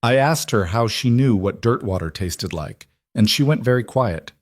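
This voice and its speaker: A man doing Ethan, a calm protective dad. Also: medium pitch, moderate pace, lightly acted. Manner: calm, steady, firm.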